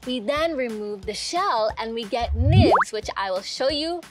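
A woman's voice: a little high, expressive, measured pace, music in the background. Woman patiently explaining how chocolate is made. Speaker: chocolate maker guest. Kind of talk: explaining to children.

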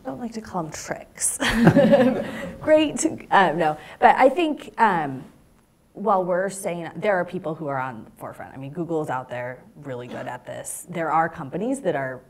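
A woman's voice: on the low side, expressive, unhurried. A woman in her thirties speaking as a panelist in a lecture hall on a lapel mic, thoughtful and gesturing as she explains. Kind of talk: panel discussion.

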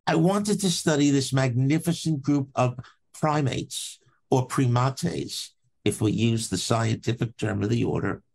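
An older man from Brooklyn, a professor telling a story from his childhood in a podcast interview, slow and deliberate with dramatic pauses. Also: a little high, vocal fry, darkish tone. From Brooklyn, New York. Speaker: anatomy professor, guest.

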